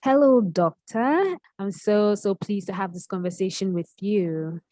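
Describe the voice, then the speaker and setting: A woman's voice: medium pitch, a little slow, dark tone, no room sound. A woman hosting an interview, reading a formal introduction and then asking questions. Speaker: interviewer and host.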